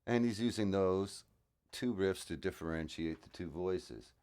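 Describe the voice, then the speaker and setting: A man's voice: low voice, unhurried, a little mellow, clean tone. A man, a guitarist, casually breaking down a song in an explanatory, thoughtful way with frequent fillers. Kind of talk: casual music breakdown commentary. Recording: music playing in the background.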